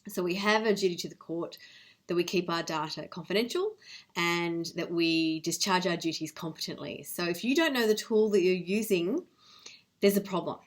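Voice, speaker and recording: A legal professional presenting security tips, this woman speaks in a lowish voice at normal speed. Her informal instructional talk is plain-spoken and direct.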